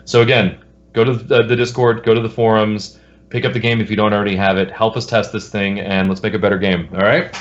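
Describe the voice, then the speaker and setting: A man's voice: fairly low pitch, little pitch movement, fast talker. A man, a game developer, chatting loosely and jokingly on a podcast. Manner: loose and rambling, jokey. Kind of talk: casual podcast chat. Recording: dull lo-fi recording.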